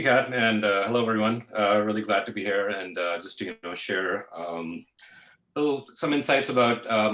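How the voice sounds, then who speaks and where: Male guest, 30s, from Pakistan: easygoing and rambling, bright tone, echoey call audio. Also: fairly low pitch. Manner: relaxed, full of fillers like "uh" and "you know". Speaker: guest, visual effects artist. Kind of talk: casual interview answers.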